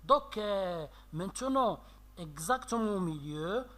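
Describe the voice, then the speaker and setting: Slow-talking teacher explaining poetry. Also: male voice, high voice, lively intonation, fairly bright tone. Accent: Moroccan French. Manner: slow, explanatory, frequent "euh" and "d'accord?". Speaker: literature teacher. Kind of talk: classroom lecture on poetry analysis.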